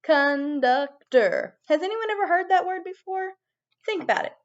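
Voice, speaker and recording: A woman giving a video music lesson to young children as their teacher, animated and prompting them with questions. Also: very high-pitched, quick pace, dull audio.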